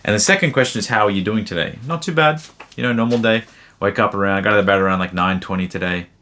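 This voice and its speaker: A young man casually answering viewer questions in a rambling, relaxed way. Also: on the low side, fast, a little hiss or hum. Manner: rambling, relaxed, lots of fillers. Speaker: YouTube card seller answering viewer questions. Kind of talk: casual chat.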